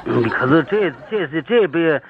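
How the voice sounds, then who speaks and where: A man's voice: fairly high pitch, expressive, normal speed, lo-fi sound, a little hiss or hum. An older man with a northeastern Chinese accent, a guest chatting casually in short, plain-spoken replies. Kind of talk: casual chat.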